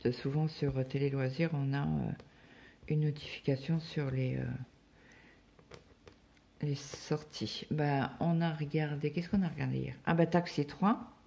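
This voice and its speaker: Woman from France, casual vlog chat, gravelly, mellow, rambling with fillers, getting over a stomach bug. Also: deep voice, steady tone, a little slow. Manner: rambling, chatty storytelling with many fillers. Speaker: cross-stitch vlogger.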